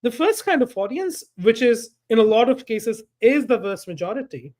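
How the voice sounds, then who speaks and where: A man's voice: very high-pitched, very animated, moderate pace, a little mellow. A man from Bangladesh, a panel guest giving prepared, persuasive commentary and putting rhetorical questions to the listener.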